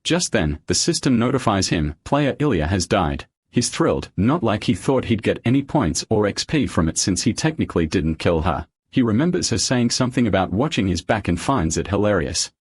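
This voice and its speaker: A man's voice: lowish voice, big pitch swings, moderate pace, few pauses, breathy edge, dry recording. A man narrating a story recap in a casual, slangy and wry way.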